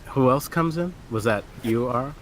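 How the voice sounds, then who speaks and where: A man's voice: medium pitch, moderate pace, a little hiss or hum. A man narrating a tabletop role-playing game as the game master.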